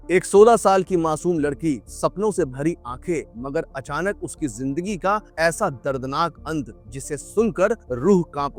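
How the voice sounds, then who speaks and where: A man narrating a true crime story in a grave, measured, scripted storytelling manner. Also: fairly high pitch. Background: faint background music.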